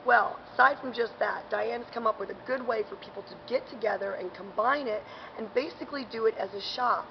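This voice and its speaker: A woman's voice: a little high, a little fast, vocal fry, muffled recording, slight background noise. A woman hosting a casual local events vlog, talking in a chatty, upbeat way with lots of fillers, outdoors in a parking garage while chewing gum. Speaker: host.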